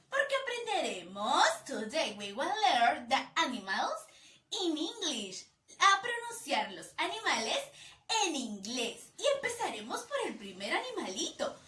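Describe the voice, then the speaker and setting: A woman teaching young children in a bright, high voice that swoops all over as she stretches each word slowly. Her manner is a sing-song for little ones. She sounds far from the mic, with a roomy echo around her. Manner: sing-song, exaggerated slow speech for small children. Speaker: preschool English teacher.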